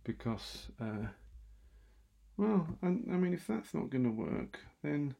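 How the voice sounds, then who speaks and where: Guy rambling quietly at home late at night, raspy gravelly voice, self-deprecating radio chat. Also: a little high, very animated, slow pace. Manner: self-deprecating, wry, full of asides and restarts; talking quietly, half-whispering at times. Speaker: radio host. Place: room in his own house at night.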